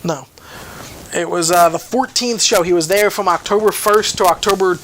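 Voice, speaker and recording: A man co-hosts a loose podcast chat, rambling through stories with plenty of restarts. His voice sits high. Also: moderate pace, fairly bright tone, slight background noise. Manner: chatty, rambling storyteller with many restarts. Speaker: podcast co-host. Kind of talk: casual chat.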